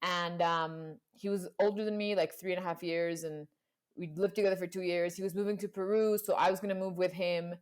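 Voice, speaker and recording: Speaking a little fast, this woman has a lowish, smooth voice with fairly even intonation. She's a young guest from Panama and Colombia, casually telling a personal story, acting out quotes and leaning on "like" as a filler.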